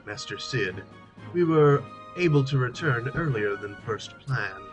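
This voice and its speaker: A man's voice: mid-range voice, animated, unhurried, faint music behind, lightly acted. A man voicing a courteous, melancholy knight adventurer in a formal way. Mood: courteous, rueful.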